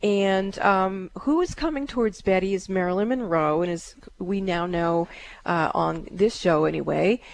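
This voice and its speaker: Calm woman radio psychic host. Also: vocal fry. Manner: calm, soothing, with frequent fillers; chants in a high drawn-out voice. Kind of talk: call-in radio talk.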